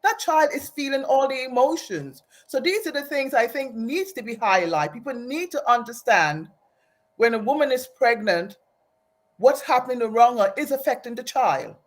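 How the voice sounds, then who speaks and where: On the high side and full of lively intonation, her voice keeps a normal speed. She is an Aruban woman raised in Trinidad, recounting her personal story in an interview with earnest reflection and frequent restarts of her phrases.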